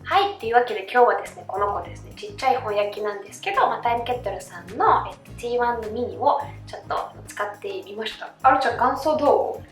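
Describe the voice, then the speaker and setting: A woman's voice: fairly high pitch, animated, quick pace, hardly any pauses. A woman with a Russian accent, hosting a casual chat with many fillers. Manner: chatty, many fillers, laughs easily. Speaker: host. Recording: roomy echo with faint background music.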